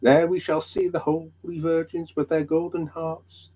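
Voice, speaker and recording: A man's voice: fairly high pitch, level tone, unhurried, warm tone, husky, rough recording. A man voicing an earnest, devout, burdened pilgrim in a hammy, theatrical dramatic reading of an old allegory. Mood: rapturous.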